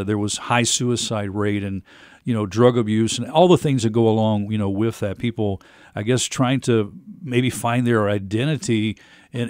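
A man hosting an interview show, asking questions and retelling stories in a steady way with fillers. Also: lowish voice, no echo, clean studio sound. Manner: steady, recaps at length with fillers.

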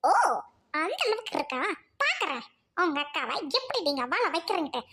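A woman playing a scornful, sharp-tongued young wife who taunts and mocks her husband's family. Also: extremely high pitch, very animated, brisk, background noise, heavily acted. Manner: mocking, taunting.

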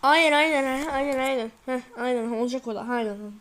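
A woman's voice: high-pitched, fast, fairly bright tone. A sleepy woman hosting a football video game channel, chatting casually and rambling while she plays. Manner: chatty, rambling, repeats "neyse" often. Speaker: gaming channel host.

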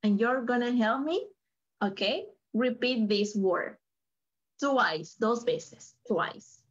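A woman teaching an English class over a video call, switching between Spanish and English and repeating words slowly for her student. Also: fairly high pitch, lively intonation, lo-fi sound. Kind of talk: online English lesson.

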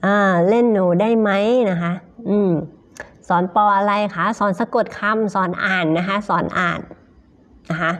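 Slow-talking Thai woman teacher on a live stream. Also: mid-range voice, steady tone. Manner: slow and chatty, filler-heavy, ends phrases with polite particles. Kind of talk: casual live-stream chat reading viewer comments.

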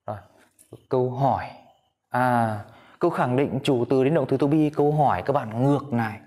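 A man teaching an English grammar lesson at a whiteboard, patient, often asking his students questions and repeating examples slowly. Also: medium pitch, mellow.

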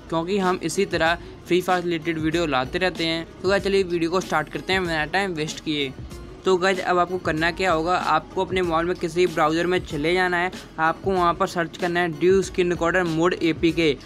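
A young man with a slightly high, a bit bright voice narrates a gaming tutorial at a level tone and a little fast. Like a channel host, he delivers a scripted voice-over of formulaic, repetitive step-by-step instructions over background music.

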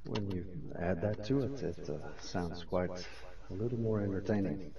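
A man role-playing a proud, honor-minded warrior in a game, with measured, courtly phrasing. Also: low-pitched, vocal fry, recorded from a distance, muffled recording. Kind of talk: in-character game role-play. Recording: echoey, noisy game voice chat.

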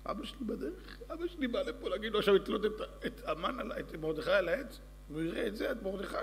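A man's voice: high-pitched, expressive, creaky, a little hiss or hum, voice pushed up. A man playing a nervous servant who stammers and mumbles, in an echoey hall. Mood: scheming.

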